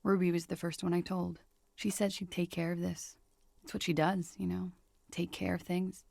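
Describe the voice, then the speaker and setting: An actress voicing a frightened, guarded young woman who speaks in a measured, weary confessional manner in a video game. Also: lowish voice, level tone, creaky, a little mellow, dry recording.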